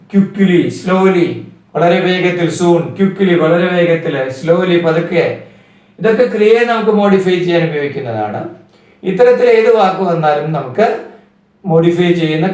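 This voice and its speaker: A middle-aged man with a Kerala accent gives a grammar lesson, reading English definitions slowly and then explaining them in Malayalam. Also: fairly high pitch, a little mellow. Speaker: grammar teacher. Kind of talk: recorded grammar lecture. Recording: echoey room, voice distant from mic.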